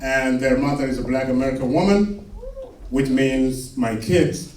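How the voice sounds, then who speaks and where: A man from Sudan with a Sudanese accent doing a stand-up comedy set on a club stage, delivering his punchlines slowly and deadpan. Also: medium pitch, distant mic, slight background noise. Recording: echoey club recorded from afar with laughing crowd. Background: audience laughter.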